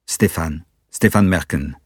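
A man's voice: sits low, slow, husky, dry recording, clean studio sound, exaggerated voice. A man reading an audiobook, voicing a guarded, paranoid young man who hesitates before he speaks. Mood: cowed. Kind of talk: audiobook character voice.

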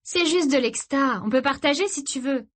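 A woman's voice: high voice, normal speed, voice pushed up, natural voice. A woman voicing a playful, pushy teenage girl in an audiobook. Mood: coaxing. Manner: coaxing, wheedling.

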